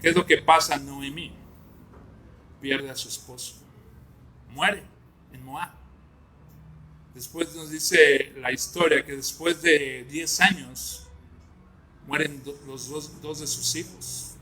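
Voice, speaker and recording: Male Bible class teacher, fairly high, bright voice, chatty and questioning. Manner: conversational, asks the class questions and jokes with students.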